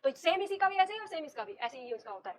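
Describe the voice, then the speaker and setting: A woman's voice: very high-pitched, big pitch swings, quick pace. A woman teaching a Hindi grammar class, explaining step by step and putting questions to her students. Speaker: Hindi teacher for competitive exams. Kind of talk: classroom lecture on Hindi alphabet.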